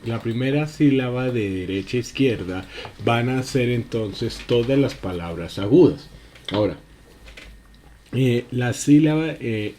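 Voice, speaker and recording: A man teaching a spelling lesson, halting, with many fillers and restarts. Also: on the low side, warm tone, slight background noise.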